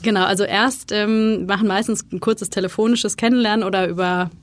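A woman's voice: medium pitch, steady tone, fairly quick, dry recording. Woman, interview guest, chatty, storytelling, acts out quoted dialogue. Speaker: guest, freelance consultant and wedding speaker. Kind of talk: casual interview talk.

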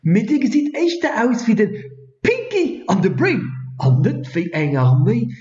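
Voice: medium pitch, very animated, unhurried, a little mellow, echoey room, highs cut off, faint music behind. A performer voicing a mocking, theatrical old wizard who teases and exclaims in a fantasy story. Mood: teasing. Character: tall bearded old wizard, mocking and gruff-humoured.

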